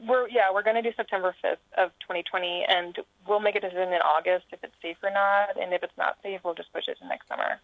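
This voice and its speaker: A woman's voice: fairly low pitch, fairly even intonation, fast talker, gravelly, few pauses, dry recording. A woman in her thirties, a guest chatting casually with lots of fillers and rambling asides. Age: 30s. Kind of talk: casual chat over a phone line. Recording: tinny phone line.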